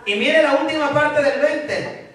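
A man from El Salvador preaching a fiery sermon as pastor, shouting and calling on the congregation to answer. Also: very high voice, unhurried, recorded from a distance. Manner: preaches with shouted calls and call-and-response. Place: large church hall. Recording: echoey hall, mic from afar, congregation.

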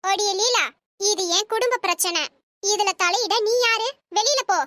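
Woman putting on a shrill scolding mother-in-law. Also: moderate pace, dry recording, studio quality. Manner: scolding, shouting accusations. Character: angry middle-aged mother-in-law, harsh.

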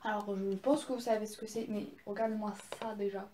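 A woman's voice: mid-range voice, flat delivery, brisk, mellow, roomy sound, slight background noise. A young woman casually showing her presents, chatty and gushing, with many fillers and restarts. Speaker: vlogger. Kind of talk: casual haul video.

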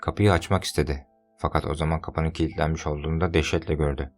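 Deep-voiced man reading an audiobook. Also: fairly even intonation, fast talker, darkish tone, soft background music. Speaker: audiobook narrator. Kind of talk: scripted narration.

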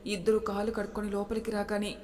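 A woman storyteller reading a family story aloud in a steady, even manner. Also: mid-range voice, quick pace, big-room sound. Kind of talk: scripted story narration.

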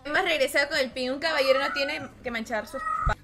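Woman game streamer, high and bright, chatty and teasing, light music under her voice. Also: quick pace. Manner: chatty, teasing, calls viewers "hermano". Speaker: gaming livestreamer. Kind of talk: casual live-stream chat with viewers. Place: home room with her cat nearby.

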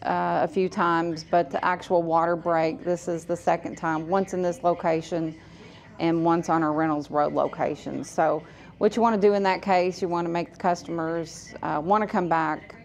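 A laundromat owner vlogs from inside one of her laundromats, chatting casually and walking the camera through things step by step. She has a lowish voice with fairly even intonation and speaks at a normal speed.

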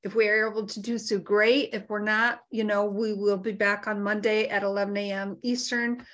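A woman's voice: medium pitch, little pitch movement, normal speed, a bit bright. Easygoing woman podcast co-host. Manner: friendly, easygoing, asks questions. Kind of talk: casual podcast chat.

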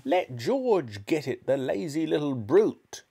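A giant, cantankerous old granny from a children's storybook, high-pitched and bossy. She shouts indignantly in big swooping tones. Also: very animated, slow pace, gravelly, slightly rough, heavily acted. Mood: indignant, demanding.

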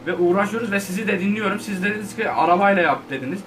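A man giving casual, excitable commentary on his gameplay, talking straight to his viewers and shouting at the game. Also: sits high, racing, distant mic, music in the background. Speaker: gaming video host.

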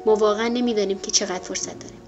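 A woman's voice: mid-range voice, fairly even intonation, over music, lightly acted. A woman narrator voicing a worried husband at a hospital bedside, speaking in an urgent, earnest way. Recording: dull lo-fi audio with faint hiss.

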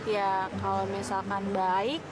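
A woman's voice: mid-range voice, flat delivery, slow pace, noisy background, lightly acted. An actress playing a picky young woman who trades playful jabs with a friend. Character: choosy young woman being set up.

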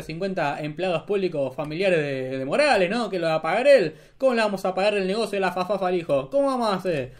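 An Argentine man hosting a political commentary vlog, talking in a mocking, sarcastic way. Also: high voice. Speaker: host.

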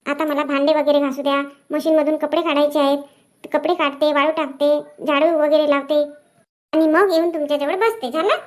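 High voice village lady, a woman acting it snapping back fast in a comedy skit, dry close sound. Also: steady tone, no room sound, close to an everyday voice. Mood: chatty. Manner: quarrelsome, talks back fast with village words. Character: sharp-tongued village woman quarrelling over a train seat. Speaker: sketch actress.

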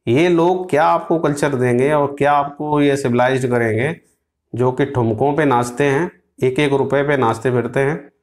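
A man's voice: medium pitch, steady tone, normal speed. Fiery man giving news commentary. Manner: fiery, moralizing, mixes English phrases with frequent fillers. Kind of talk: opinionated news commentary to camera. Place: small indoor room.

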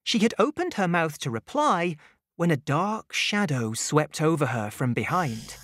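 Woman reading a kids story, low-ish voice, slow and sing-song, dry close mic. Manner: expressive, gentle and unhurried. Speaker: narrator. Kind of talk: children's storybook narration.

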